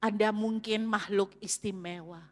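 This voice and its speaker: A woman preaching a sermon, telling a story with animated delivery and frequent questions to the audience. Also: medium pitch, measured pace. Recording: long hall reverb.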